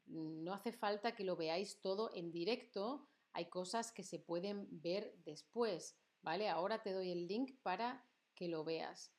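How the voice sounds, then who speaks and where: Speaking a little slowly with few pauses, she has a fairly low, slightly mellow voice. The young Andalusian uses a neutral standard accent to teach Spanish live, chatty with her viewers, asking them questions and reading their comments aloud.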